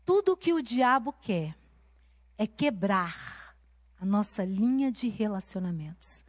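A woman's voice: medium pitch, lively intonation, takes it slowly. A woman preaching a sermon at a women's conference in a church, telling a personal story with a passionate, rising and falling cadence. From Brazil.

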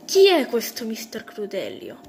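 A woman voicing a young female mouse, indignant and defiant toward her brother, speaking slowly over music. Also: fairly high pitch, wildly swooping pitch, vocal fry, a little hiss or hum, full character voice. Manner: indignant, pleading.

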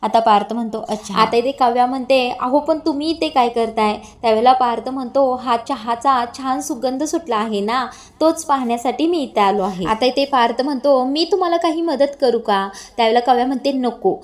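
A woman's voice: fairly high pitch, a little fast. A woman narrating a recap of a TV serial episode, reading the characters' lines with light acting. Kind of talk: retelling a TV episode with dialogue.

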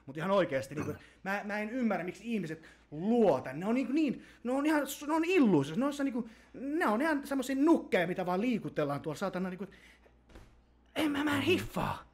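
A man's voice: high-pitched, very animated. A man hosting a podcast, ranting heatedly and profanely and mocking people in whiny voices. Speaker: podcast host.

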